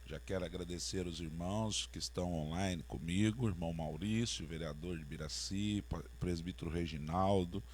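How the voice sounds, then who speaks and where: Male pastor, deep voice, opens an online Bible study and leads prayer. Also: normal speed, hardly any pauses, darkish tone, slight background noise. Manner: speaks directly to online viewers, earnest prayer.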